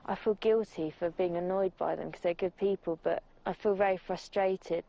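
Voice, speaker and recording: A woman's voice: lowish voice, fairly even intonation, moderate pace, gravelly, mellow. A young woman from England talking frankly on a reality show, often exasperated and self-conscious. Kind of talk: confessional and reactive chat. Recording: noisy field recording.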